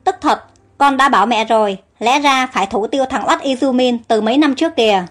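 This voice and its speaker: A woman's voice: sits high, fairly quick. A woman doing a spoiled arrogant prince. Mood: petulant. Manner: petulant, arrogant.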